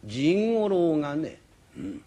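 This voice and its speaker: A rakugo storyteller voicing a proud, gruff woodcarver who speaks deep and terse. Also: male voice, very animated, takes it slowly, mellow, full character voice.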